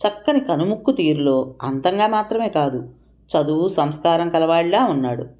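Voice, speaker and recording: Low-voiced woman reading a story aloud. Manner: expressive, lifts voice for quoted speech. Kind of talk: audiobook narration.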